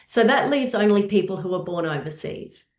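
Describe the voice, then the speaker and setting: A woman's voice: medium pitch, animated. Earnest woman presenting, roomy echo. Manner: earnest, measured, posing rhetorical questions. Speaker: presenter on intercultural practice. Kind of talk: presentation with slides.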